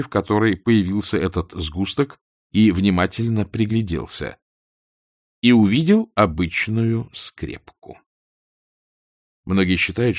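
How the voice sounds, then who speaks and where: A man narrating an audiobook in a measured, dry, ironic manner. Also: fairly low pitch, dry recording. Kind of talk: scripted narration.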